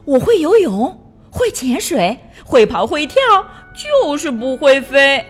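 Woman doing an excited squeaky little frog boy. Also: moderate pace, soft background music. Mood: eager. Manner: bouncy, exclaiming. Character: excited little male frog, eager, impatient.

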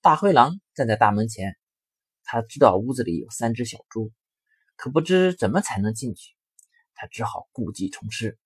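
A man narrating a children's story in a lively, expressive reading. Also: medium pitch, moderate pace, breathy edge, dry recording. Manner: lively, expressive reading with sharp rises in volume.

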